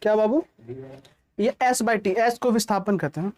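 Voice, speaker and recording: A man's voice: high voice, normal speed, a little mellow. A man with a Bihari Hindi accent teaching physics to a small class, casually coaxing students and hurrying them along. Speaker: physics tutor.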